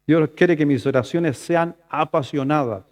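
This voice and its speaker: A male pastor with a Chilean Spanish accent preaching a sermon in a conversational way, rising to loud emphatic lines and dropping to soft asides. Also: a little high, unhurried.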